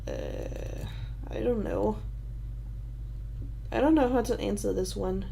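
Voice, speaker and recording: Answering viewers' questions on a casual livestream, this young Danish host rambles hesitantly with many fillers in her Danish accent. She takes her time, her mid-range voice warm with vocal fry, over slight background noise.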